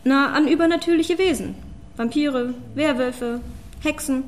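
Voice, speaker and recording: A woman's voice: sits high, measured pace, voice pushed up. A woman reading an audiobook, voicing a fierce, power-hungry female witch who hisses and commands. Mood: coaxing. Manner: hissing, commanding, then shouting.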